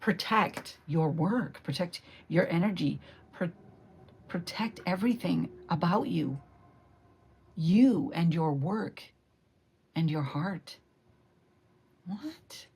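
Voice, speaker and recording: A woman giving a solo tarot reading, reflective and lingering over each card, sometimes slipping into a breathy whisper. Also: fairly low pitch, expressive, takes it slowly, pauses often, a little mellow, slight background noise. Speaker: tarot reader.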